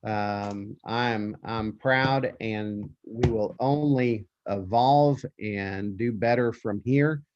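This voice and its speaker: A man leading a team meeting over a group video call stops and restarts often and fills the gaps with fillers. He talks slowly. The call audio is muffled and dry. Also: medium pitch, a little mellow, no echo. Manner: halting, full of fillers and restarts. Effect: heard over a group video call. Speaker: real estate office leader running a team meeting. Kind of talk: presenting to his team in an online meeting.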